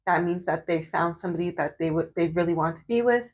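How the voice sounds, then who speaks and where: Doing her hair on camera, a thirty-something Canadian medical student and vlogger talks casually with plenty of fillers and false starts. She speaks quickly in a lowish voice.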